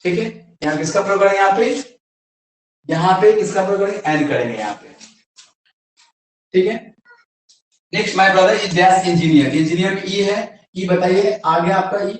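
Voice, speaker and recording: A man's voice: sits high, moderate pace, pauses often, far from the mic. Indian man teaching grammar in an echoey room. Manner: asks questions and answers them himself. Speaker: English teacher. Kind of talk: classroom grammar lesson.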